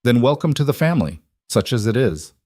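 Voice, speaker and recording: A man voicing a calm, dry-witted crime boss who talks in a measured, wry way. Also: medium pitch, no echo.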